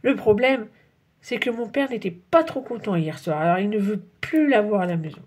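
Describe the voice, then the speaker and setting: Lady doing a little kid boy, excited n breathless, husky high voice, audiobook. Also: fairly quick. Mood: sheepish.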